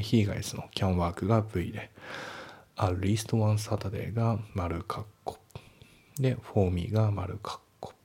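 A man's voice: fairly low pitch, warm tone, breathy edge. A man teaching English for an exam, breaking sentences down step by step with casual asides. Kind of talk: spoken exam-prep lesson.

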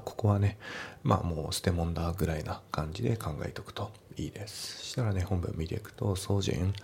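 Low gravelly male teacher explaining grammar. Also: mellow. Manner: explains grammar step by step, slowly models English lines, casual Japanese asides. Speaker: English teacher. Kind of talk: TOEIC lesson walkthrough.

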